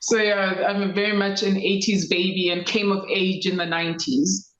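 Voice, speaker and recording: A South African woman in her thirties, a lawyer telling her life story in a measured, reflective way. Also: mid-range voice, flat delivery, a bit bright, reverberant, highs cut off. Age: 30s. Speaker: guest lawyer. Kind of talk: interview conversation.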